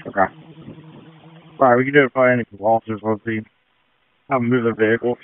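A man's voice: medium pitch, fairly even intonation, fast talker, no room sound. An American man acting as a fire incident commander, giving orders over two-way radio. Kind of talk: emergency radio dispatch traffic. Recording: muffled, tinny two-way radio audio.

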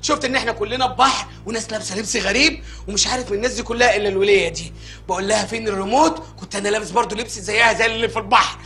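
A man's voice: high voice, very fast, pushed and bright, faint music behind. An actor playing a frantic, lovesick Egyptian man with a drug habit in broad TV sketch comedy. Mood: rambling. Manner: frantic and overexcited.

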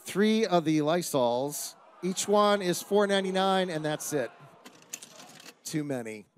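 Chatty American game show host, higher-voiced man. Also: expressive, unhurried, slight background noise. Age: middle-aged. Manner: chatty, joking, explains rules off the cuff. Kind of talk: casual unscripted game show hosting. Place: large TV studio with audience. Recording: studio crowd and music behind. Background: crowd and music.

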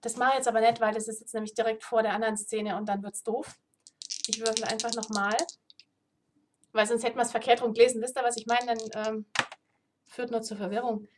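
A woman reading aloud from her own book in a chatty way, pausing to roll dice and chat. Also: a little high, flat delivery, slight background noise. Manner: chatty, self-interrupting.

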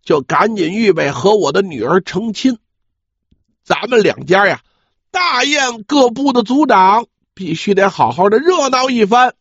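A man, a dramatic storyteller, voicing a wounded Mongol khan who feigns weak, humble conciliation in a gravelly, halting, sighing voice. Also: high-pitched, big pitch swings, no echo, heavily acted. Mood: humble, cordial. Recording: dull, slightly lo-fi audio.

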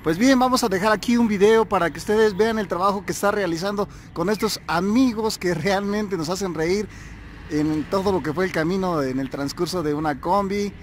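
A man's voice: high voice, normal speed. A man casually presenting a video, speaking to his viewers. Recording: faint background noise.

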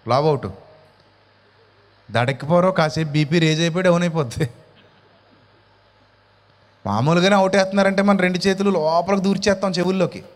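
A male pastor preaching a sermon in an animated way, full of rhetorical questions. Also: high-pitched, in a large hall.

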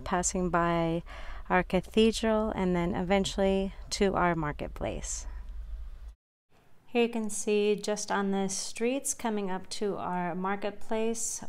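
A woman's voice: fairly low pitch, smooth. A woman narrating a casual walking tour as a local guide, recorded outdoors on a handheld device. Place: outdoors in city garden and streets.

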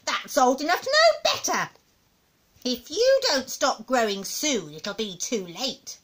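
A woman's voice: high voice, wildly swooping pitch, measured pace, sharp tone, heavily acted. A woman voicing a nasty, bossy, tiny old grandmother in a storybook, snappish and scornful, with emphatic delivery. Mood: haughty, scolding.

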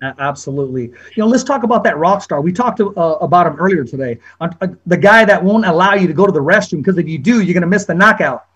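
A man's voice: sits high, lively intonation, fast talker, few pauses, a bit bright, husky, highs cut off. A man in his forties hosting a casual sports interview over a video call. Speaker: sports show host. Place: small room indoors with show banner.

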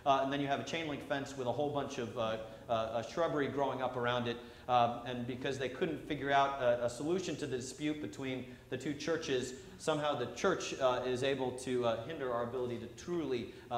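A man, a priest, preaches a sermon into a pulpit microphone in a church, halting often with "uh" fillers. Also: medium pitch, fairly even intonation. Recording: echoey church sound with faint hum.

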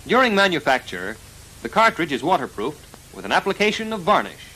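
Fairly high-pitched and sing-song, this American man's voice is bright, forceful and husky as he narrates a 1940s military instructional film. The delivery is formal, precise and measured, a voice-over on a vintage soundtrack with poor audio.

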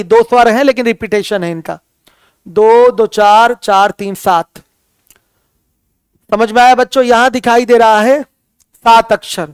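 High-voiced man teaching math. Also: clear, resonant tone, no room sound. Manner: calls students "my children", asks questions and answers them himself. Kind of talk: classroom lecture.

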